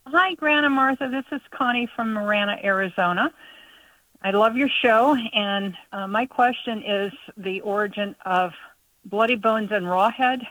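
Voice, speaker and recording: A woman phones in to a radio show, her voice carried over the caller line and sounding set back from the microphone. Her tone is bright and forward. She talks in a loose, chatty way, rambling through a story. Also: mid-range voice, normal speed, no echo. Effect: caller heard over a phone-in line. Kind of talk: casual phone-in chat. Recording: distant phone-in caller audio.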